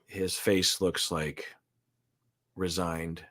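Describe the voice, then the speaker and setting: A man's voice: deep voice, flat delivery, extremely slow, a bit bright. A man speaking as a therapist in casual reaction commentary, thoughtful and hesitant, explaining relationship patterns. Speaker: therapist co-host reacting to a reality show.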